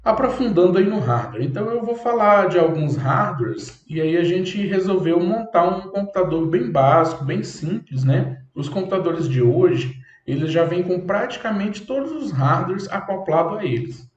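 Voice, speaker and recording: This man's voice is high-pitched and animated, moving at a moderate pace with few pauses. He's lecturing a computer class, explaining each step and frequently asking "ok?", and the recording is echoey and dull, with a lo-fi quality.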